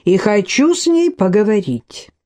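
A woman's voice: medium pitch, very animated, unhurried, darkish tone. A woman reading an audiobook who voices a vain, self-assured man with a brash, demanding manner.

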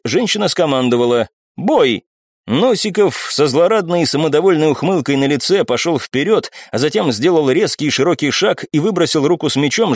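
A man reading a first-person audiobook in a steady, measured way. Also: mid-range voice, dry recording, studio quality. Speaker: audiobook narrator. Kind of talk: scripted first-person narration.

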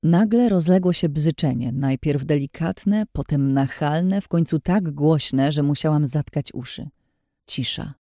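Male audiobook narrator with a slightly high, mellow voice; tense, dramatic first-person reading. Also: unhurried, no echo, studio quality.

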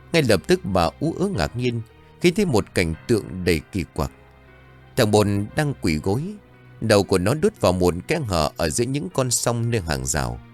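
A man narrating a ghost story in a dramatic, expressive storytelling manner. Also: fairly low pitch.

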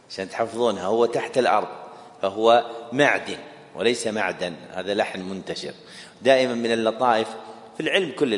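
A man teaching a class, explaining a text, repeating key phrases and quizzing his listeners. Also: medium pitch. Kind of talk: classroom lecture. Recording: echoey hall with long reverb.

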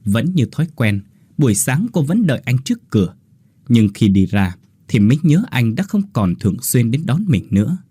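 A man reading a ghost story aloud in an expressive, dramatic way. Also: medium pitch, breathy edge, no echo, clean studio sound. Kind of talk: scripted ghost-story narration.

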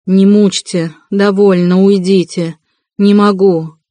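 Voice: mid-range voice, steady tone, a little slow, darkish tone, dry recording, natural voice. A worn, irritable young man who insists and commands, as the narrator reads him. Dry, close audiobook sound. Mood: irritable insistent.

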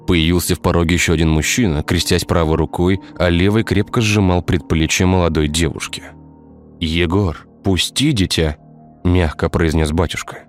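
A man narrating a dark village tale in a scripted storytelling style. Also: low-pitched, fairly even intonation, brisk, hardly any pauses. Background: faint music.

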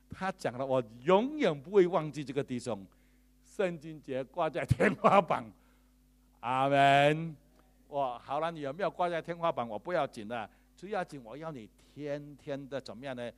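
High-voiced fervent male pastor preaching. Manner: shouting declarations slowly, leading congregation in repetition; storytelling in a chatty, lively way. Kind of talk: sermon. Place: church.

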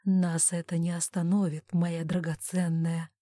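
A woman's voice: lowish voice, level tone, a little slow, dark tone, no echo, clean studio sound. A woman voicing a tender, protective young husband in an audiobook.

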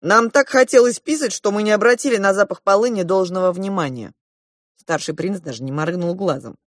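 A woman reading an audiobook in the first person, with lively, expressive storytelling. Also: mid-range voice, brisk, no room sound, studio quality. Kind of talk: audiobook narration.

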